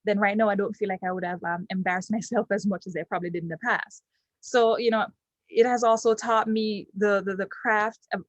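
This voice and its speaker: A young Jamaican woman whose first language is Patois gives an unscripted client testimonial in a Jamaican accent at a medium pitch. She's hesitant, stopping often with ums and restarting phrases. The recording is rough and dry, with no room sound or echo.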